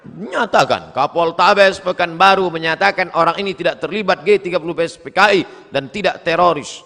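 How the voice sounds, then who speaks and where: A man's voice: fairly high pitch, moderate pace, gravelly, a bit bright. A man in his forties preaching a humorous question-and-answer sermon, storytelling and acting out quoted exchanges. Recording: long hall reverb.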